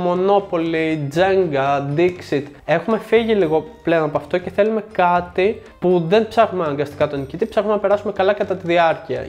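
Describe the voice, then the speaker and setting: A man's voice: high-pitched, darkish tone. A young man hosting a board game review show, presenting in a scripted, joking way with sarcastic asides.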